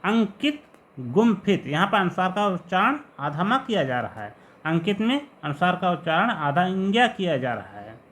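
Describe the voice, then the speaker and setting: Man teaching Sanskrit grammar, slightly high voice. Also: sing-song, fairly bright tone. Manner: patient, repeats each example word slowly. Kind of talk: explanatory lesson.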